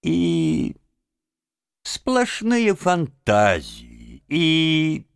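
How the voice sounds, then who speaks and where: A man voicing a kind but firm male water rat in an audiobook, reasoning gently with a friend. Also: on the high side, wildly swooping pitch, extremely slow, clean tone, no echo, studio quality, pitched above the performer's own voice, full character voice. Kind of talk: audiobook character voice.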